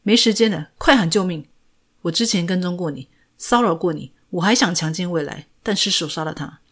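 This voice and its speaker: A woman's voice: fairly low pitch, brisk, close to an everyday voice. A woman voicing a desperate teenage boy who takes the blame, speaking urgently and pleading, in a retold film scene.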